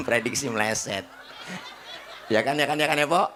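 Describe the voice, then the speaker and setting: A man's voice: medium pitch, normal speed, noisy background. A man with a Betawi accent giving a comic sermon, teasing and joking with the crowd in slangy talk. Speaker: preacher. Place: gathering with a live audience. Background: audience laughter.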